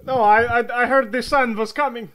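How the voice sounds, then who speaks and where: A man voicing a frantic, paranoid male doctor who shouts in a panic, with laughing and sobbing in his voice. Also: very high voice, steady tone, normal speed, slight background noise, voice pushed up, poor audio. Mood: panicked.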